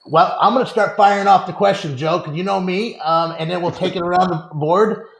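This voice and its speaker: A man's voice: high-pitched, fairly quick, creaky. A man hosting a show with casual sports talk, recorded in a room. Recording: echoey room sound.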